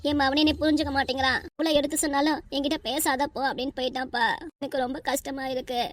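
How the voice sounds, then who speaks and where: A woman's voice: high voice, little pitch movement, quick pace, fairly bright tone, slight background noise. A woman voicing Pushpa, a tearful young married woman in a cartoon, with a southern Tamil accent and a whiny, plaintive way of complaining. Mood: despairing. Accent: southern Tamil, Tirunelveli.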